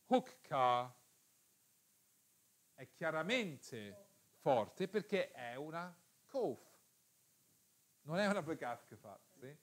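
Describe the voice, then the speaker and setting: Man, teacher, lecture to students, slightly high voice, hesitant, self-correcting. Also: big pitch swings, slow pace. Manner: repeats key rules, asks the class questions. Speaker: teacher of biblical Hebrew.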